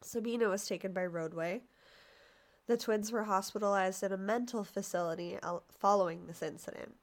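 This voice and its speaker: Brief: woman podcast co-host, mid-pitch, casual and animated storytelling, stumbles and restarts. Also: moderate pace. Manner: animated, stumbling, acts out quoted voices.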